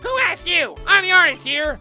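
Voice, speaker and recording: A man voicing a pompous, rude ventriloquist dummy with a squeaky, strained voice, in a video game read-through. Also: lively intonation, moderate pace, sharp tone, faint music behind, heavily acted. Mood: haughty. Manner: pompous, brash.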